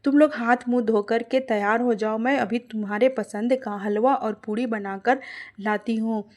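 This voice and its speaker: A woman's voice: a little high, steady tone, moderate pace, a little mellow, close to an everyday voice. A woman voicing a poor, patient young daughter-in-law who speaks politely in a cartoon story. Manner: polite, respectful.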